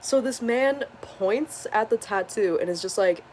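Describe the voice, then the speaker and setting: A woman in her twenties telling a story casually at home, animated and swearing freely. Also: mid-range voice, a little slow. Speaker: vlogger. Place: hot room at home with a fan on. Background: faint fan hum.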